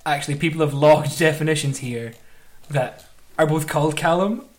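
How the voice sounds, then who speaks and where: Male podcast host, slightly high voice, jokey read-aloud delivery. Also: normal speed. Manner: jokey, reads aloud playfully. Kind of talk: casual chat.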